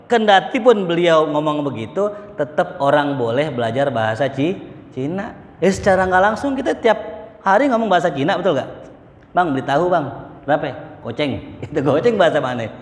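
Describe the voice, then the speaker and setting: A man gives a mosque study lecture, joking and acting out market banter. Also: a little high. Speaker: religious teacher. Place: mosque hall. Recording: echoey mosque hall.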